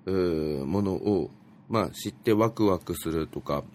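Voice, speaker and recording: Relaxed low-voiced man musing aloud. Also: a little slow, a little hiss or hum. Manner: relaxed, musing, many fillers and asides. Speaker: radio host reading out tweets. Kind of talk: casual talk show reading.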